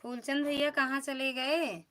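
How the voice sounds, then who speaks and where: Awadhi woman live streamer, teasing and chatty, crisp bright voice, greets viewers one by one. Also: sits high, steady tone, measured pace. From Uttar Pradesh, India. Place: home.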